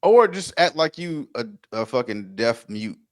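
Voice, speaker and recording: A man's voice: mid-range voice, very animated, measured pace. A man co-hosting a podcast, joking around and building bits with quoted lines. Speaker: podcast co-host. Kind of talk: casual chat.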